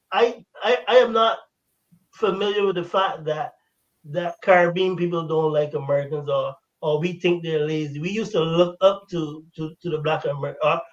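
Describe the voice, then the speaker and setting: A man from Barbados with a Barbadian accent, telling lively stories in a casual panel discussion. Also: high-pitched, muffled recording. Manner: animated storyteller, acts out quotes. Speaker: panel guest.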